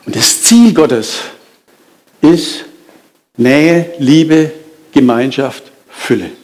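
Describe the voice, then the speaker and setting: A man preaching with a slightly high voice. He talks with lively emphasis, stops and restarts his sentences, poses questions and then answers them himself. He speaks straight to the people in front of him. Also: very slow. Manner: addresses listeners directly. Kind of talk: sermon.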